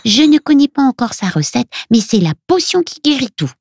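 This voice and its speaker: A woman's voice: fairly high pitch, very animated, a little fast, a little mellow, pitched above the performer's own voice. A woman voicing Luna, a tearful little girl who is a witch's daughter, speaking in an earnest childlike way in a storybook reading.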